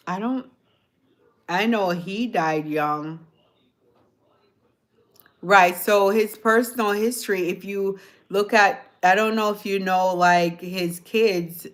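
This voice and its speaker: Slow-talking woman chatting live. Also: on the low side, a bit bright. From Jamaica. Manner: chatty, rambling, repeats herself. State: tired from a late night. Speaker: livestream host. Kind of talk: casual chat with viewers.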